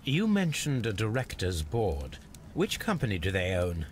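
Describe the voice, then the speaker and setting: A man's voice: on the low side, wildly swooping pitch, measured pace, a little hiss or hum. An actor playing a composed male detective who questions witnesses politely and formally in a video game. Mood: calm inquiry. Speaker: investigator.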